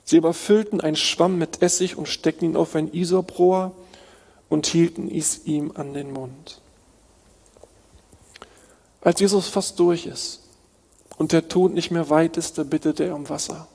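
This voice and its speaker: A male preacher with a fairly high, gravelly voice delivers a sermon, hammering home short repeated phrases and shifting between hushed and urgent tones. His voice rings out with a long reverb, as in a church hall. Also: fairly even intonation, unhurried, pauses often.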